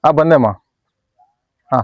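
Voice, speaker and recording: A man's voice: slow, big-room sound, highs cut off. A young man playing a village youth who talks in casual, evasive banter. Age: young adult. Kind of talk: village comedy short-film acting.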